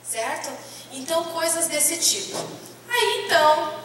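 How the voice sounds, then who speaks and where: A Brazilian woman testifies before a church congregation, her high, bright, forceful voice carrying an emotional story. She takes on the voices of the people in her story as she tells it. Her voice rings through a long, echoey church hall, picked up by a microphone well away from her. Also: animated, measured pace, distant mic, a little hiss or hum. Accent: Brazilian Portuguese. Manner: emotional storytelling, acting out dialogue. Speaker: church member giving testimony.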